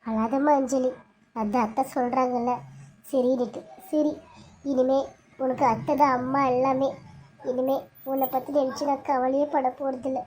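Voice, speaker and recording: A woman's voice: high voice, steady tone, normal speed, darkish tone, close to an everyday voice. A woman voicing the fond, tearful mother of a pregnant bride in a cartoon serial, soothing her daughter. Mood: consoling. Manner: soothing and consoling.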